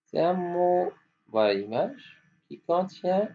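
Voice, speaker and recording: Slow, gravelly man teaching phonics. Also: high voice, big pitch swings. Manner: slow, spelling out letters and sounds. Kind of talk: phonics lesson for children. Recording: dull lo-fi with faint hum.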